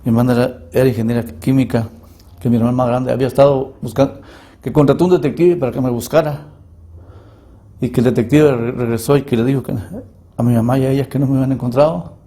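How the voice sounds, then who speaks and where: A man giving an earnest spoken testimony as an evangelist, often clearing his throat and restarting words. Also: mid-range voice, steady tone, fast talker, warm tone.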